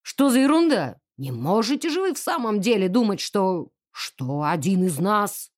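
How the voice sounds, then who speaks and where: A woman's voice: on the low side, expressive, a little slow, pitched below the performer's own voice. Woman doing a blustering drunk colonel. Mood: indignant. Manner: loud, bullying, slurring.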